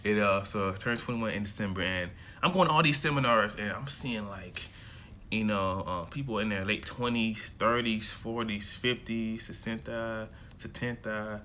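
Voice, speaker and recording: The speaker is a young man in his early twenties from America who makes self-development vlogs. In this casual, rambling talk to camera, full of fillers and restarts, his fairly low voice has a sharp tone and moves at a moderate pace over slight background noise.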